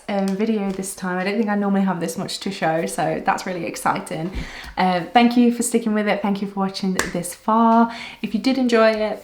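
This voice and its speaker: A woman's voice: mid-range voice, a little hiss or hum. A young woman, chatting to camera in a bubbly way with lots of ums as she wraps up her crafting vlog. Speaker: crafting vlogger. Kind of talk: casual sign-off to camera. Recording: roomy home recording.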